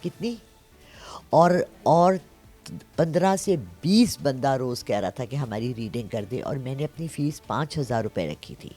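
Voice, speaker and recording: An older woman in her sixties talks in an interview about her work reading palms. She tells her stories with animation, often pausing to check that her listener follows. Soft music plays faintly beneath her voice. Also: rumbling low. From Pakistan. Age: 60s. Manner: animated storyteller, frequent "theek hai?" check-ins. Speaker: palm reader and astrologer. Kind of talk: casual interview.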